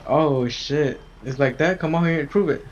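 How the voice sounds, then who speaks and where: A man's voice: a little high, normal speed. A man playing a police negotiator in a game roleplay, coaxing and casual in tone. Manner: coaxing, casual street talk. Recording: dull lo-fi mic with faint noise.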